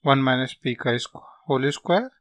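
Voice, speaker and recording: A man with a North Indian accent teaching as a physics tutor, working through solutions step by step in short, halting phrases as he dictates. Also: mid-range voice, fairly bright tone, no room sound. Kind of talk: step-by-step lesson, reading out worked solutions.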